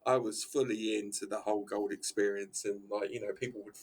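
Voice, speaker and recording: A man's voice: on the low side, level tone, a little fast, breathy edge, low-quality recording. A middle-aged man from Essex with an Estuary English accent, chatting casually and enthusiastically as a podcast co-host in rambling stories. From Essex, England. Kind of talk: casual fan chat.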